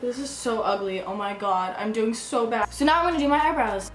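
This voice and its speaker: A giggly, tipsy young woman talks casually through a makeup tutorial. Her voice sits a bit high and bounces off the room, with faint music playing behind her. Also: fairly quick. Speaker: makeup vlogger. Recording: echoey room with background music.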